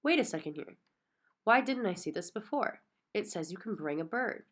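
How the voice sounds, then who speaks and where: Patient older grandma, gentle and unhurried, low-key; a woman voices her. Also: lightly acted. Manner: gentle, calm, amused.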